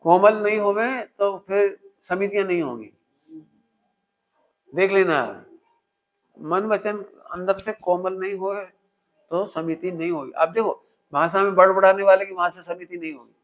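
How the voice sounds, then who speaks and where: A man with a high voice delivers a spiritual discourse to an audience, animated and full of household examples. He keeps stopping to quiz his listeners and have them repeat the point back. The recording sounds dull and lo-fi. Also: measured pace, pauses often. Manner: quizzes listeners with call-and-response questions. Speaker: religious teacher.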